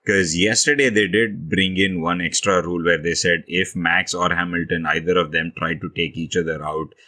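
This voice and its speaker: A man co-hosting a motor racing fan podcast in casual, excitable chat, slipping into mocking impressions. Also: low voice, moderate pace. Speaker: podcast co-host.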